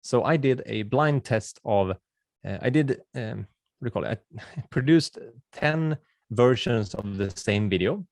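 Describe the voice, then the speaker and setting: Unhurried and lively in intonation, this man's mid-range voice is creaky and a little mellow, captured in a dry, studio-quality recording. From Sweden and speaking with a Swedish accent, he hosts a webinar and chats casually while answering viewer questions, friendly but prone to restarts and filler words.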